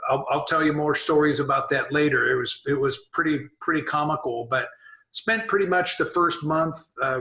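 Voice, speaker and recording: A middle-aged man, a business consultant, telling his company story in a relaxed, casual webinar conversation. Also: fairly high pitch, rough recording. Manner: relaxed, many fillers and restarts.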